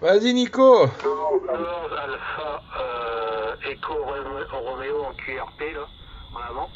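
A man's voice comes through a small walkie-talkie, muffled and lo-fi, under a steady hiss of radio static. He runs an easygoing CB contact, reading out call signs letter by letter and pausing on fillers. His voice sits at an ordinary middle pitch. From France. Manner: unhurried, full of fillers and call-sign spelling. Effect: heard through a handheld walkie-talkie receiver. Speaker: CB radio operator. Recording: lo-fi radio reception with strong static.

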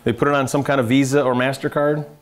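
A man's voice: medium pitch, level tone, quick pace. A middle-aged American man, a financial adviser, giving a live classroom lecture with a conversational manner, quizzing the room and dropping dry sarcastic asides. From United States. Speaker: financial adviser teaching a seminar.

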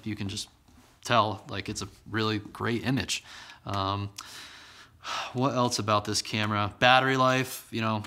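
Speaking into a camera-mounted microphone in a small studio, a thirty-something man who hosts a church media channel gives an enthusiastic, casual gear review. His lowish voice is pushed, bright, clear and resonant, and his chat is full of fillers, ums and restarts.

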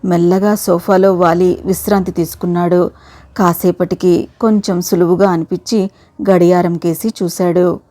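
A woman storyteller narrating a short story, with even, measured audiobook delivery. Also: lowish voice.

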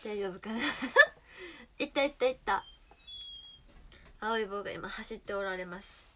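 A woman's voice: medium pitch, measured pace, slight background noise. A young woman with a Kansai accent chatting casually with viewers on a livestream, playful and direct. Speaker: idol livestreamer.

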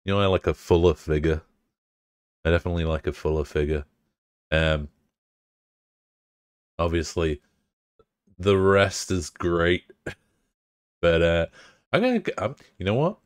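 Sounding bunged up and congested, a young game streamer swears his way through relaxed banter with his chat. His low voice has lively intonation and a clean tone with no room sound, and he talks unhurriedly, pausing often.

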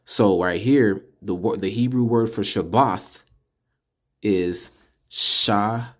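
A man with a Californian accent teaching a spoken Hebrew pronunciation lesson, emphatic and repeating syllables slowly. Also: fairly low pitch, darkish tone.

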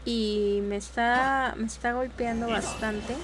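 A woman's voice: fairly high pitch, fairly even intonation, slow, background noise. Exasperated young woman streaming a game. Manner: frustrated, exclamatory, talks to herself and viewers. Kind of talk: live gameplay commentary.

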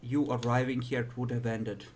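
A man's voice: mid-range voice, little pitch movement, normal speed, noisy background. A man narrating a tabletop roleplaying game as game master, addressing players and describing scenes.

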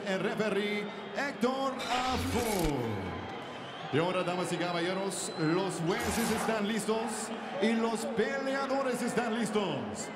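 Male ring announcer, booming lucha libre showmanship, high voice, echoing arena with a roaring crowd. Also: very noisy. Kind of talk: theatrical bilingual ring announcing with drawn-out name calls. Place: boxing ring in a large indoor arena. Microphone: handheld microphone over arena PA. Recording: echoey PA in loud, crowded arena.

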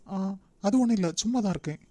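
A woman's voice: mid-range voice, expressive, fast, warm tone, no echo, clean studio sound, close to an everyday voice. A woman playing a curt, withdrawn young man. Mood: reserved. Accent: Nagercoil Tamil. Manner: curt, reserved. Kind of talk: cartoon voice acting.

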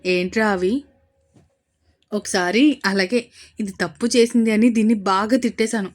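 A woman voicing a sheepish young husband who complains in a rapid rush. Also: medium pitch, natural voice.

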